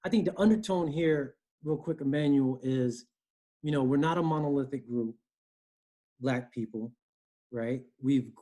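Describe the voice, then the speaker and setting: Medium in pitch and a little slow, with a dark tone, the voice belongs to a Connecticut man in his forties who has an East Coast American accent. As a guest HR director on a video call from his home, he speaks earnestly in a conversational interview, repeatedly checking in with "you know" and "right?".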